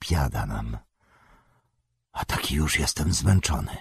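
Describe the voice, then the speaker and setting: A man voicing a weary old wizard, speaking slowly, low and solemn. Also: lively intonation, no room sound, clean studio sound, full character voice. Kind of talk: audiobook reading.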